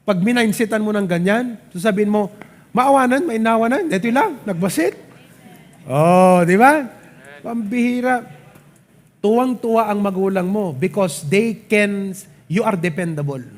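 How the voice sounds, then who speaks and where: A man with a Filipino accent preaching a sermon at church, animated, often asking the congregation to agree and mixing English into his talk. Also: high voice, normal speed. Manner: animated, asks the crowd "di ba?" often; mixes English and local speech, light laughs. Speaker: pastor. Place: church service.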